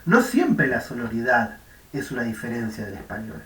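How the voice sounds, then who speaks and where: A man's voice: mid-range voice, huge pitch swings, normal speed, fairly bright tone, far from the mic. A man with a Rioplatense Spanish accent giving a university lecture, explaining step by step, demonstrating sounds aloud and often checking that his students follow. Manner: explanatory, checks understanding with "¿m?" and "¿de acuerdo?". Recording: echoey room, voice off-mic.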